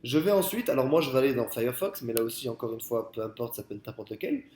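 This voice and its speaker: A man talking through a software tutorial in a casual, explanatory way, with many fillers and restarts, speaking into a headset. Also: medium pitch, lively intonation, fast, roomy sound, slight background noise. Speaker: software trainer. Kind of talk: screen-recorded software tutorial.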